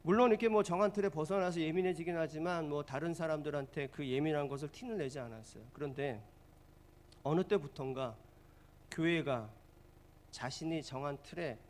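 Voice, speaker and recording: Storytelling preacher with a slightly high voice. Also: male voice, a little hiss or hum. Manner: storytelling, asks the congregation questions. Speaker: pastor. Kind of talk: sermon.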